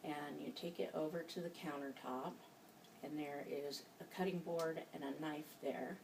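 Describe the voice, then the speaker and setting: A woman leading an informal guided hypnosis session, giving gentle instructions in a halting way. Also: sits low, steady tone, creaky. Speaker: hypnosis practitioner. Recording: distant mic, faint background noise.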